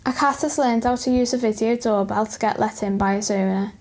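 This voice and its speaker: A woman's voice: on the high side, steady tone, brisk. A woman reading scripted narration for light news video clips. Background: music.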